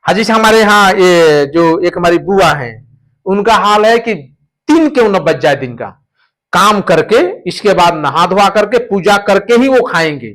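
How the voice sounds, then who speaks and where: A man's voice: high-pitched, animated, measured pace, fairly bright tone. A male teacher giving a classroom lecture, explaining points through stories and repeating the key terms.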